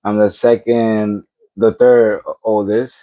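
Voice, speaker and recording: A man's voice: fairly low pitch, little pitch movement, takes it slowly, no room sound, phone-quality sound. A man from the Bronx, giving short, hesitant interview answers with restarts. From the Bronx, New York, United States. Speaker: interview guest.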